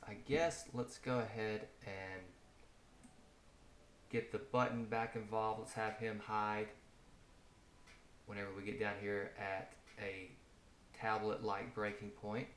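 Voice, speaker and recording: Guy talking himself through code, kinda low voice, echoey room, loud typing behind. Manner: thinks aloud, self-correcting while typing. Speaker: coding tutorial host. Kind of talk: casual screencast coding walkthrough. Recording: roomy home office, audible typing noise. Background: keyboard typing and mouse clicks.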